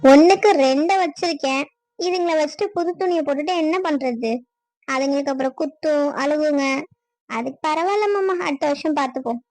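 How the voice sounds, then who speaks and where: A woman voicing a young, newly married daughter-in-law in a cartoon, who talks softly and respectfully. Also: sits high, fairly quick, no echo, close to an everyday voice, rough recording. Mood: calm. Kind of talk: cartoon voice acting.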